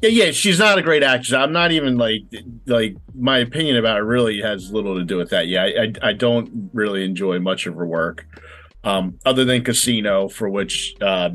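A man's voice: fairly low pitch, a little fast, fairly bright tone. A man chatting as a podcast panelist, opinionated and rambling, with frequent hesitations. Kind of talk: casual podcast chat.

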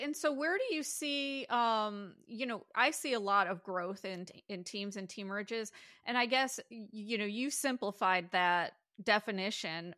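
A woman's voice: a little high, fairly bright tone, dry recording, studio quality. A woman hosting a podcast interview, chatty and casual, with fillers and light self-deprecating asides. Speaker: podcast host.

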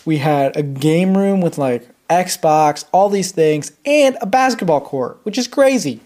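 A man's voice: a little high, lively intonation, a little slow, a little mellow. A young man co-hosting a podcast, telling a story in a rambling casual chat full of fillers and restarts. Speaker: podcast co-host.

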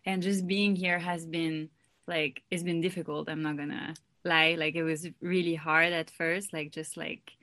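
A young French singer and songwriter chats informally as a guest in an interview, her deep voice moving at a measured pace. She sounds easygoing and loose, leaning heavily on "like" and "you know."

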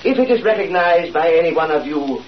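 An actor in a 1940s radio play, playing a fake mystic who leads a seance in a slow, solemn voice. The recording is an old radio broadcast. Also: male voice, on the high side, animated, natural voice. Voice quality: solemn, intoning. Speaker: medium. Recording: dull old radio broadcast, hiss, distant.

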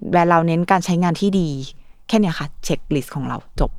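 A woman's voice: lowish voice, fast talker, a little mellow, no echo. A woman in her thirties, a small brand owner, chatting casually in an interview and mimicking others when she quotes them.

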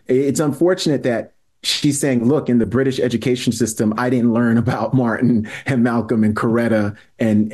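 A man's voice: medium pitch, a little mellow. A man from New York City, a guest historian on a podcast, explaining in an earnest, lecturing way with frequent restarts. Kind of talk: podcast conversation.

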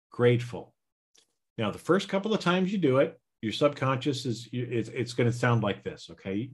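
A man hosting a podcast, teaching a gratitude exercise in a casual, drawn-out way, tagging lines with "right?" and "okay?". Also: fairly low pitch, darkish tone. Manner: slow, drawn-out, frequent "right?" and "okay?" tags. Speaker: podcast host and healing coach.

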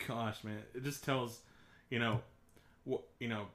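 A man's voice: mid-range voice, steady tone, slow pace, fairly bright tone. A man co-hosting a podcast, recapping a wrestling match move by move in a laid-back way. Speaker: podcast co-host.

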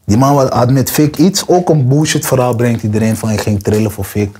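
A man's voice: mid-range voice, fairly quick, husky. A young man rapper, interview guest, talking in casual street slang and acting out quotes with a raised voice. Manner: animated, acts out quotes with raised voice.

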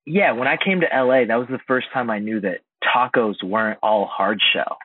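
A man from Indiana chatting casually as a podcast host, halting with many fillers and restarts. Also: medium pitch, no echo. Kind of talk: casual chat. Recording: dry, phone-like, husky sound.

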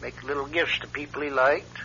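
In a classic radio drama, a male actor plays a folksy local who is cagey but courteous, speaking in clipped phrases that drop their subjects. His mid-range voice is steady, fairly quick, bright, and forceful, with slight background noise and a dull, band-limited radio sound.

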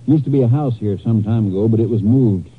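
A man playing a plain-spoken, helpful sheriff with a husky voice in a radio crime drama. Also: fairly low pitch, fast talker. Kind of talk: old-time radio crime drama acting. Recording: muffled vintage radio recording.

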